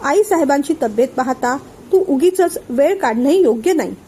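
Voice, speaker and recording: A woman voicing a calm older man who patiently explains and soothes his friend. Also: high-pitched, moderate pace. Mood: calm, persuasive. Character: calm older male friend and family elder.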